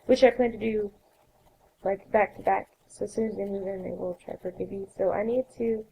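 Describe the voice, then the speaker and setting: A young woman hosting a let's play, chatting through her gameplay with a raspy voice that has a cold in it and a rambling way of correcting herself. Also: mid-range voice, steady tone, brisk, warm tone, a little hiss or hum, low-quality recording. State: coughing, sore throat. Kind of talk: casual gameplay narration.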